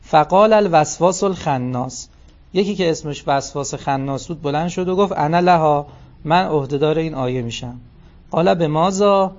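A man giving a scripture commentary lecture, reciting passages in Arabic and then explaining them in casual speech. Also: on the high side. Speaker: religious lecturer. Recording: dull lo-fi recording.

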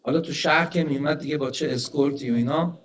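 Male religious lecturer with a slightly high voice; talky storyteller who slows down for scripture. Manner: slows down to recite Arabic scripture; conversational, with rhetorical questions.

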